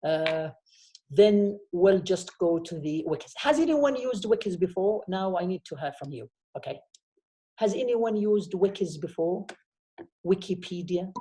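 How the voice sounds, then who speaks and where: A university professor whose first language is Arabic lectures online over a video call, explaining things step by step and adding "okay?" after nearly every phrase. His voice is high-pitched, mellow, and expressive, moving at a measured pace. The recording quality is low.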